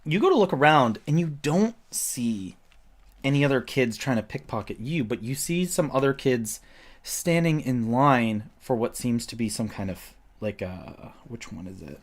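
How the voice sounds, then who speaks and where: A man narrating as game master of a tabletop game, describing scenes loosely with many fillers. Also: mid-range voice.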